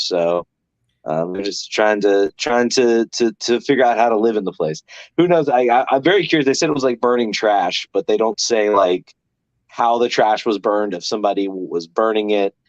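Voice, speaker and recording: A man's voice: mid-range voice, no echo. A man calling in by phone as a guest, chatting casually and joking with a laugh. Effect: heard over a phone line. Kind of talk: casual chat. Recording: lo-fi phone call.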